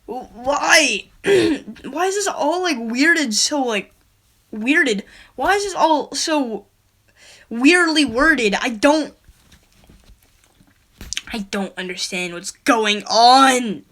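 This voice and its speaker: A young woman who reviews stories online, reading one aloud and breaking off with quick, incredulous questions. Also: high-pitched, lively intonation, fairly bright tone. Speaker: online story critic. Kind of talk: casual reading and critique.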